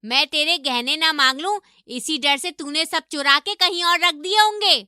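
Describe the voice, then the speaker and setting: A shrill, bossy cartoon mother-in-law, played by a woman, sneering and domineering. Her voice sits high and rings very bright and sharp. It sounds dry and close, with no room around it. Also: moderate pace, dry recording. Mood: scolding. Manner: taunting, domineering. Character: harsh scolding middle-aged mother-in-law. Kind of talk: animated story voice acting.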